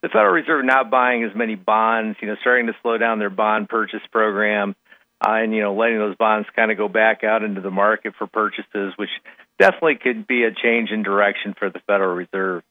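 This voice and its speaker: A man giving conversational market commentary as a radio analyst, talking in a halting way with frequent verbal hedges. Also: lowish voice, steady tone, no echo. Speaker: financial market analyst guest on a radio show. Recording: tinny, narrow phone-like line.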